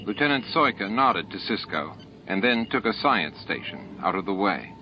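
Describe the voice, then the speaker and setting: A man narrates a science fiction novel as an audiobook, his lowish voice sing-song at a moderate pace. Sound effects and ambience are added behind him, with faint music. The dull lo-fi tape carries clear background noise.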